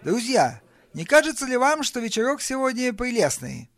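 A man voicing a pompous, flustered young male impresario who makes loud, grand toasts. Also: high-pitched, sing-song, fairly quick, voice pushed up. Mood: grandiose.

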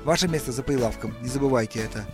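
A man voicing a pompous, flustered young male impresario who makes loud, grand toasts. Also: mid-range voice, fast talker, over music, natural voice. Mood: cold.

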